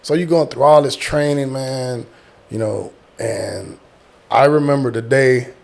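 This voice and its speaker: As a guest sharing casual personal stories, this middle-aged veteran from small-town Texas, United States, retells them with animation, performing the quotes and repeating words for emphasis. His voice is mid-range and gravelly at a measured pace.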